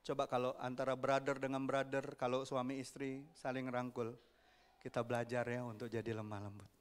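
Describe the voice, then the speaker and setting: A man preaching a sermon as pastor, lively and often asking the congregation questions. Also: mid-range voice, a little fast, clear, resonant tone. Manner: animated, asks the congregation questions, acts out quoted voices.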